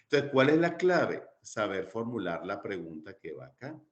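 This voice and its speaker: A man's voice: on the low side, very animated, normal speed, lo-fi sound. A man teaching a recorded class, explaining step by step with many fillers and restarts.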